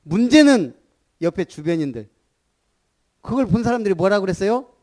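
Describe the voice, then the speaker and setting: Animated high-voiced preaching man. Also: normal speed. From Gunsan, Jeolla, South Korea. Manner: animated preaching, calls for repetition, rhetorical questions. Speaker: pastor. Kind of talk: sermon.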